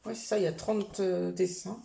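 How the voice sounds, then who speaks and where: Chatty and unhurried, a woman talks to her viewers about her purchases at a middle pitch. She pauses often, fills gaps and corrects herself as she goes, in relaxed casual speech. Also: vocal fry. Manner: chatty, hesitant, many fillers and self-corrections. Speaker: vlogger showing a shopping haul. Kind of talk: casual chat to camera.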